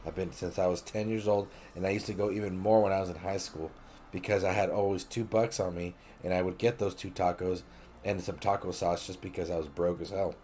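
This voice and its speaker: Deep-voiced, profane gaming stream host. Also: male voice, steady tone, brisk, warm tone, a little hiss or hum. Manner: loose, profane and joking, talks to viewers as buddy. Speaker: livestream host. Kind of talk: casual late-night gaming stream chat.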